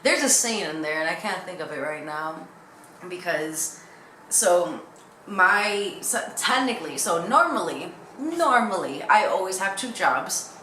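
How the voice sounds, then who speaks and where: Young woman, lowish pitch, bright forceful tone, casual rambling vlog chat, candid, roomy echo. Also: lively intonation, measured pace. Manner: rambling, candid, jumps between thoughts. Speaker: YouTuber. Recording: echoey room with faint background noise.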